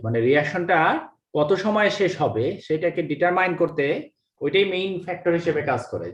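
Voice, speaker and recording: A man teaching a chemistry class, explaining step by step, asking questions and answering them himself, and reading English lines slowly from the text. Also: on the high side, echoey room. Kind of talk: classroom lecture.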